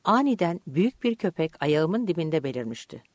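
A woman reading an audiobook chapter aloud in calm, measured scripted narration. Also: low-pitched, no echo.

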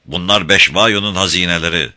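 A man's voice: low voice, a little fast, sharp tone. A man voicing a boastful, contemptuous tyrant king in an audiobook, bellowing and mocking his subjects. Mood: boastful roaring. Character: roaring proud tyrant king, contemptuous, domineering. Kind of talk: audiobook character voice.

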